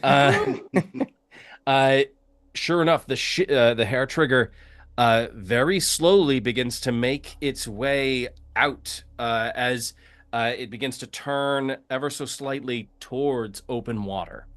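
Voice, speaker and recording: A man narrating a tabletop game as game master, speaking haltingly and searching for words. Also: medium pitch, fairly bright tone, no echo. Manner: halting, full of fillers and restarts.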